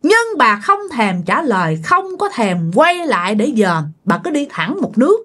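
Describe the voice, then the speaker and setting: A woman's voice: fairly high pitch, big pitch swings, normal speed, a bit bright. A woman, narrating a ghost story in a conversational way, addressing listeners directly.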